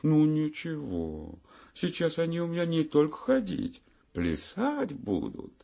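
A cheerful young man May, put on by a male narrator who speaks in a breezy, jolly way, his pitch bouncing all over the place. His voice is gravelly, and the recording sounds lo-fi. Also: huge pitch swings, measured pace, dark tone, heavily acted. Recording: dull lo-fi audiobook recording.

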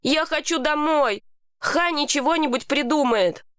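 A woman voicing a pained, shouting boy. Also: on the high side, expressive, normal speed, dry recording, studio quality, voice pushed up. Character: frightened boy in pain, Jake. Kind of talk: audiobook character voice.

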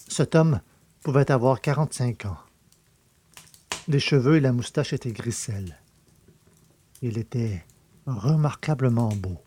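A man reading a novel as a narrator, in measured storytelling delivery. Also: mid-range voice, mellow, slightly rough. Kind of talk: scripted audiobook narration.

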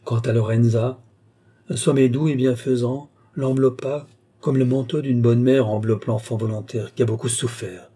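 A male audiobook narrator reading a classic novel in a steady, literary way. His voice is husky, with a dark, mellow warmth. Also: medium pitch, moderate pace.

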